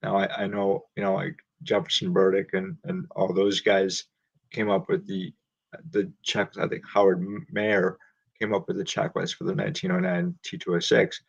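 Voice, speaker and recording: A man's voice: low-pitched, level tone, moderate pace, creaky, husky. A man hosting a casual interview, talking in thoughtful, hesitant sentences while searching for words. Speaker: host. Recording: dull lo-fi sound.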